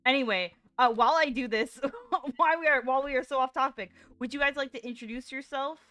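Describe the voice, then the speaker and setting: Female host, high bright voice, very lively, giggly, dry close sound. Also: fast talker, no room sound. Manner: giggly, bright, with fillers when hosting. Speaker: podcast host. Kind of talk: casual chat among streamers.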